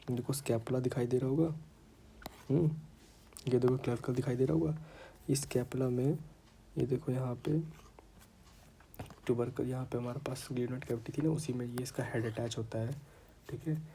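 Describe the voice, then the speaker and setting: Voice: medium pitch, a bit bright, slightly rough, poor audio. An anatomy tutor with a sore throat, giving a casual online lecture in a chatty way and repeating terms for students.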